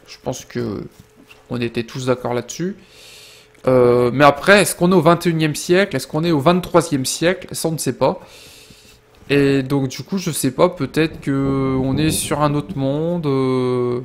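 A young man giving casual let's-play commentary, rambling to his viewers and breaking into loud exclamations during fights. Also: medium pitch. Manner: chatty, rambling, addresses viewers directly. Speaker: gaming video creator.

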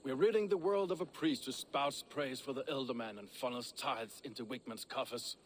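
A blunt, proud Viking shipbuilder, as a man acts him out, speaks in a gruff, plain-spoken way. His game dialogue sits at an ordinary male pitch. A faint hiss runs under it. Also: moderate pace, natural voice. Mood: scheming. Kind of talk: video game voice acting.

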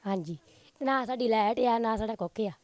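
A woman's voice: a little high, fairly quick, darkish tone, no room sound. A woman with a Majhi Punjabi accent, crying as she plainly tells an interviewer about her family's hardship. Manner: plain, tearful telling of hardship.

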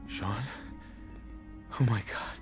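An actor playing a parent searching for his lost son in a video game, speaking in an urgent, emotional, pleading way.

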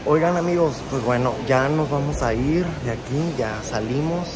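Over a loud crowd in a rough recording, a young man with a mid-range voice and normal speed films himself at a beach resort for his travel vlog. He's chatty and relaxed, talking to viewers as friends through a phone camera at arm's length, with wind and sea noise outdoors.

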